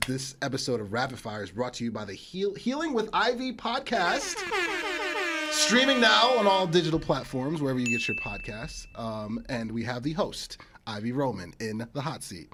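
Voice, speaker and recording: Lively, animated man hosting a podcast. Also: medium pitch, moderate pace, heavy background noise. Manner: upbeat, repeats catchphrases, laughs often. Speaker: podcast host. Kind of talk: casual interview chat.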